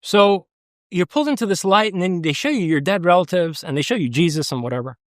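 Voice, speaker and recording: His voice sits high and is expressive and fast: an American man being interviewed conversationally. He speaks earnestly and emphatically and restarts frequently. The recording is dry and studio-clean.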